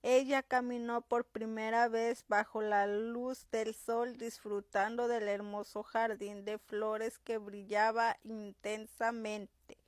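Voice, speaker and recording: A woman narrating a romance audiobook in a calm, measured storytelling manner. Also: a little high, dry recording, clean studio sound.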